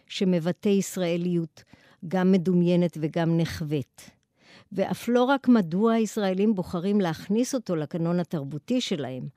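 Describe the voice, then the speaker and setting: An Israeli-accented woman gives a scholarly lecture from a prepared text. Her voice is fairly low and very mellow, with formal, carefully built sentences. The sound is dry and close, with no room on it. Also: no room sound. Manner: formal, articulate, long measured sentences. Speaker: academic lecturer. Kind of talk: scripted academic lecture.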